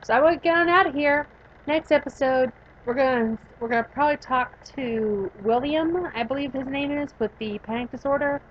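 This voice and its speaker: Woman let's-play host with a sore throat, fairly high and animated; dull lo-fi mic with faint hiss. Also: a little fast. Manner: animated, playful, drawling outro. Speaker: game video host.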